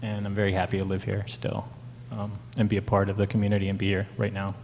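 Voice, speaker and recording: Nervous, gravelly-voiced man on a panel. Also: lowish voice, completely flat delivery, quick pace, darkish tone. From Peru. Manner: nervous, giggly, hesitant. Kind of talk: live panel talk. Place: museum event hall before an audience. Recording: live hall reverb, faint room noise.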